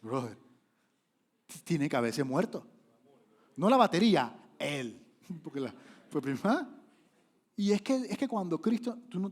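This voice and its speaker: A male pastor preaching a sermon, animated, with sudden loud rises and acted-out quotes. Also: a little high.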